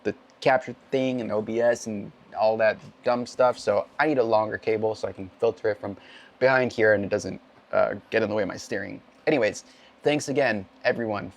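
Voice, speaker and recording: Man, gravelly, hoarse and coughing, rambling casual streamer chat, self-deprecating, home gaming setup. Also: fairly low pitch. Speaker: sim racing streamer.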